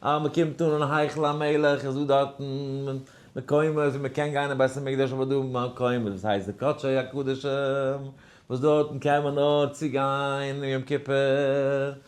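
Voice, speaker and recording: A man's voice: mid-range voice, level tone, moderate pace. Give me a man teaching a Torah class who wanders through a story and sometimes chants verses. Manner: rambling with many fillers, searching for words; mixes in English words. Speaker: rabbi giving a daily class. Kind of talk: Torah lecture in story form.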